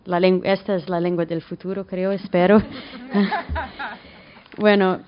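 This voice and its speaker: A woman from Brazil with a Brazilian Portuguese accent, giving a conference talk in a halting mix of Spanish and Portuguese. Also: fairly low pitch, flat delivery, muffled recording, crowd noise. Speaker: academic speaker, economist.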